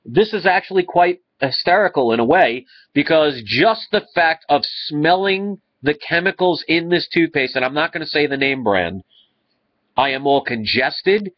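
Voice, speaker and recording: A vlogger in his thirties speaks earnestly to a webcam in his living room, his nose stuffy and congested. His slightly high voice is expressive at a normal pace, and he rambles and restarts in casual talk, captured on slightly dull lo-fi webcam audio.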